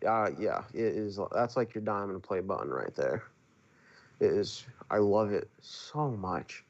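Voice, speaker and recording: A man's voice: on the low side, animated, measured pace, highs cut off. A young man, a podcast guest, gushing in casual chat, rambling with lots of filler words. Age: young adult.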